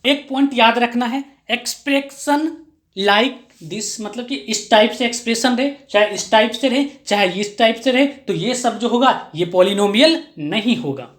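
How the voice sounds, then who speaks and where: A slightly high-voiced woman teaches a maths lesson, stopping again and again to ask a question and answer it herself. She repeats key phrases to drive them home. The room around her is noticeably echoey. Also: measured pace. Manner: keeps asking and answering her own questions. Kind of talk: explanatory classroom lesson.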